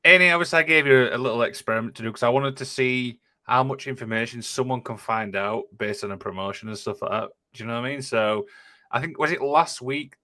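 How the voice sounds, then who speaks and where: A man's voice: mid-range voice, fast, pushed and bright. A man hosting a casual wrestling podcast chat, often saying "obviously" and "and stuff like that". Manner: says "obviously" and "and stuff like that" a lot. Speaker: podcast host.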